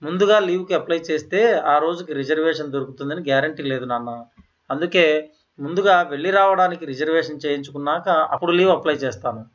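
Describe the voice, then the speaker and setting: A man's voice: on the high side, fast, close to an everyday voice. A man voicing a young newly married son who explains his plans matter-of-factly in an audio story. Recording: slightly dull, lo-fi audio.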